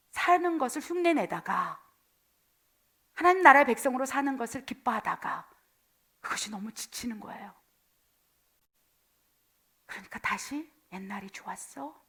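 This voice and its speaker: High-voiced woman preaching dramatically. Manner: dramatic, swings from loud to near-whisper; acts out quoted voices. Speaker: missionary pastor. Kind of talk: sermon.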